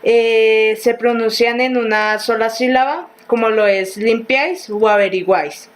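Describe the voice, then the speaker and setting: A woman reads a grammar lesson aloud in a fairly high voice. She goes slowly and carefully, sometimes restarting a word. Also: slight background noise, low-quality recording.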